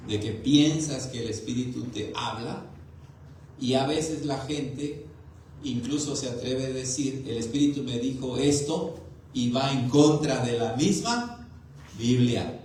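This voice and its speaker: A man preaching a sermon as pastor, teaching the catechism in a slow, deliberate way with emphatic rises. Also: mid-range voice, darkish tone, a little hiss or hum. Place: church sanctuary. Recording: very echoey church hall.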